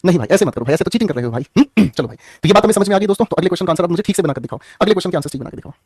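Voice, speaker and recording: A young man from the teaching English grammar in an online class, teasing students by name with quick jokes. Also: sits high, expressive, darkish tone, husky, no room sound, clean studio sound.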